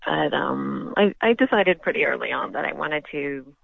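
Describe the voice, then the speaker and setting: A woman's voice: low-pitched, animated, moderate pace, gravelly, no echo. A woman from Sweden, answering interview questions as a guest actress in a hesitant way with many ums. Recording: tinny phone line.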